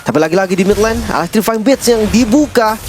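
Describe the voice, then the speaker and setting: An Indonesian man provides live game analysis in a high voice. He speaks emphatically as the analyst co-caster and repeats phrases to underline his points. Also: fast, soft background music.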